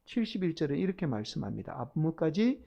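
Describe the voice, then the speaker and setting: A man's voice: sits high, lively intonation, moderate pace, mellow. A male senior pastor giving an expository sermon, retelling the story and speaking directly to the congregation. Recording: dull lo-fi sound.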